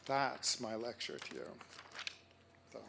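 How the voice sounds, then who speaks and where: A man giving a lecture and then answering audience questions, speaking in a measured, reflective way with some hesitation. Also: medium pitch, big pitch swings, gravelly, heavy background noise.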